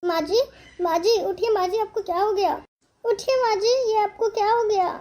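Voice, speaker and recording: A woman's voice: very high-pitched, moderate pace, a little mellow, voice pushed up. A woman voicing a caring elder daughter-in-law in a cartoon story, urgent and reproachful. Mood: alarmed.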